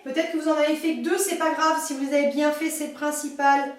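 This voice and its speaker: Female fitness coach, high voice, very echoey room, mic set back, counts reps and cues breathing. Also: fairly even intonation, fast, far from the mic. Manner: encouraging, light teasing. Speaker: fitness instructor. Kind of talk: guided chair exercise class.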